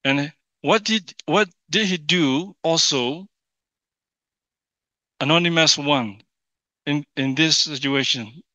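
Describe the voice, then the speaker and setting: A man with a Burmese accent presenting an academic paper in English, halting and often repeating and rephrasing his words. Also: fairly high pitch, pushed and bright. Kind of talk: formal paper presentation in non-native English. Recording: dull, echoey room sound.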